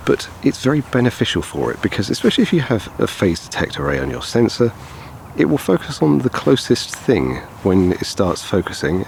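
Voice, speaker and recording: This wildlife photographer, a man in his thirties, explains photography technique in an outdoor vlog tutorial while walking a grassy path by a wetland. He sounds a bit tired and gestures as he talks, his lowish, darkish voice carrying vocal fry. Outdoor noise sits behind him, with chainsaws and traffic in the distance.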